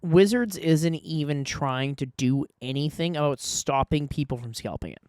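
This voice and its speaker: A man's voice: on the high side, normal speed, darkish tone, clear, resonant tone, no echo, studio quality. A man co-hosting a casual podcast, reading sponsor spots and laughing easily. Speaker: podcast co-host.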